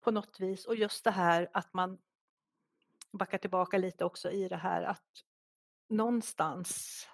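A middle-aged woman, a guest author in an interview, telling a personal story in a soft, halting, reflective way. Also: fairly low pitch, steady tone, gravelly, no room sound, clean studio sound.

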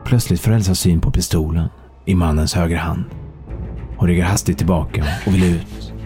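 A man narrating a thriller audiobook in a calm, measured storytelling manner. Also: sits low, soft background music.

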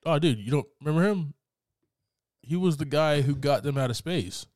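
Man, podcast co-host, lively up-and-down voice, jokey, dry close sound. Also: a little high, normal speed, no room sound. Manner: jokey, stumbles over words, laughs a lot. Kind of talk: casual film chat.

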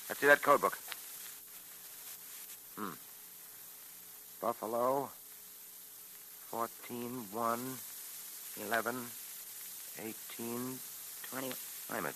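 A commanding police detective in a vintage radio serial, with an American accent. His voice is very bright and forceful at a medium pitch, clipped and decisive, over a hissy old recording. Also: heavily acted, rough recording. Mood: concentrated, decisive. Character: brisk, authoritative male police detective hero. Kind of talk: 1940s radio drama acting.

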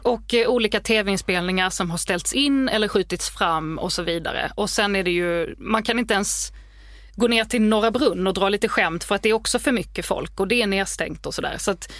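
A woman comedian with a mild Scanian accent, casually teasing in quick banter as a podcast co-host. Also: mid-range voice, a bit bright, dry recording, clean studio sound. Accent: Scanian Swedish, mild. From Skåne, Sweden.

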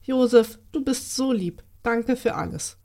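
A woman voicing Maria, a gentle and confident young woman, in a children's story. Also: fairly high pitch, a little slow. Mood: reassuring. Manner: soft and reassuring.

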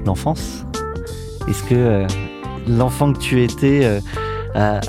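A man hosting a podcast, asking questions in a halting way with many fillers. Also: medium pitch, music in the background. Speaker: podcast host. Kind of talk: casual interview questions.

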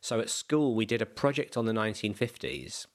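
A man's voice: on the low side, sing-song, a little fast. Rambling man hosting a podcast. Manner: rambling, thinks aloud with many restarts and fillers. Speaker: podcast host. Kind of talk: casual podcast chat.

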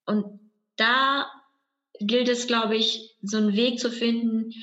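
Reflective actress musing in a rambling way. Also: female voice, on the high side, steady tone, slow pace, fairly bright tone, lo-fi sound. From Germany. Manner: reflective, rambling with many restarts and fillers. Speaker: actress and guest. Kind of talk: conversational interview.

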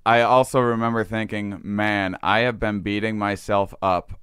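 Male podcast guest, Wisconsin accent, smooth clear tone, candid and self-deprecating, casual storytelling, close dry sound. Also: fairly low pitch, level tone, moderate pace, fairly bright tone, no echo. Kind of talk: casual conversation, personal reminiscing.

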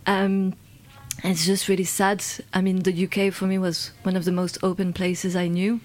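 A woman's voice: fairly low pitch, flat delivery, normal speed, a little mellow. A London-born woman, a guest in a conversational interview, talking in a hesitant way with many fillers and restarts.

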